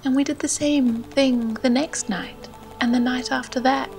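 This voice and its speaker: A woman from Canada speaks slowly and softly over her travel footage, her fairly high voice dropping at times to a near whisper. Music plays quietly beneath her calm, unhurried reading. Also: creaky. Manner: slow, gentle and hushed, at times whispered. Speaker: vlogger. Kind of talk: soft-spoken voice-over narration and poetry reading.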